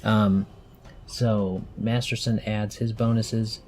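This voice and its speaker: A man's voice: on the low side, little pitch movement, slow, darkish tone, a little hiss or hum. A man in his thirties narrating a tabletop game for a child as game master, patiently explaining the rules with plenty of fillers.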